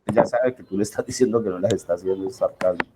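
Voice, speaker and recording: A woman in the study group answering a question, giving a halting definition over a remote line. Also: rumbling low, heavy background noise. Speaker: study participant.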